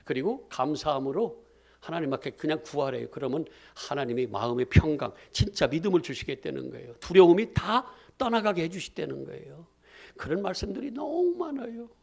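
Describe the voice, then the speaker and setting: Animated man preaching with questions. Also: high-pitched, gravelly. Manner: animated call-and-response preaching with rhetorical questions. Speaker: pastor. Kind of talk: sermon.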